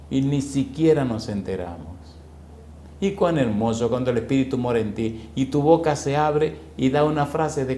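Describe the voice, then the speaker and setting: A man's voice: mid-range voice, a little mellow, roomy sound. A male pastor, preaching a storytelling sermon and putting rhetorical questions to his congregation. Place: church.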